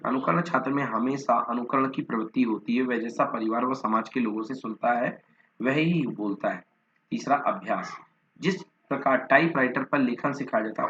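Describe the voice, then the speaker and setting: A man's voice: mid-range voice, a bit bright. A male teacher gives a lecture, working through his notes point by point. He lists terms one after another and now and then repeats or corrects a word. His voice sits in a middle range, and the recording sounds dull and lo-fi. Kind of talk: Hindi lecture reading from notes.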